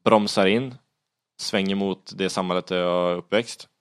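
A young man with a deep, low voice tells a story in a casual, animated way. He swears freely and acts out his own panic as he talks. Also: smooth.

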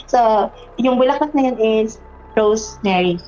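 A woman tells a personal story in a casual chat, polite and animated as she acts out the dialogue. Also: on the high side, a little slow. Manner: animated, polite, acts out quoted dialogue, mixes Tagalog and English. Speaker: storyteller guest. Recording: dull lo-fi podcast audio.

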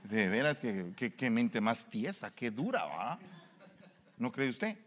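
A man's voice: medium pitch, sing-song, a little slow. A man preaching a sermon, colloquial and emphatic, full of rhetorical questions. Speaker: pastor. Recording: long hall reverb.

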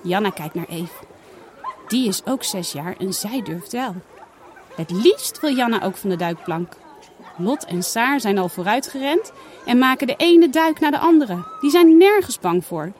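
A woman reading a children's story aloud, putting on lively voices for the characters' dialogue. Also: a little high, unhurried, slight background noise. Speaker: storybook reader.

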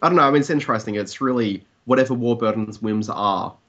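A man's voice: medium pitch, fast talker, a bit bright, muffled recording. An Australian man in casual discussion, giving his opinions in a conversational way peppered with "I mean". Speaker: TV industry commentator, blogger.

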